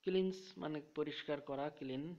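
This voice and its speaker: A man teaching English vocabulary through memory tricks, listing synonyms one by one in a methodical way and slowing down to read example sentences. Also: a little high, a little mellow. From Bangladesh. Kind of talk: explaining English vocabulary with mnemonics. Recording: dull lo-fi recording.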